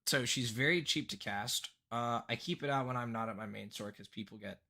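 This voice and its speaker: A man casually talking through viewer-submitted card decks on a live stream, rambling and excitable, with plenty of fillers and restarts. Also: mid-range voice, brisk, creaky. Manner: rambling and excitable, full of fillers and self-corrections.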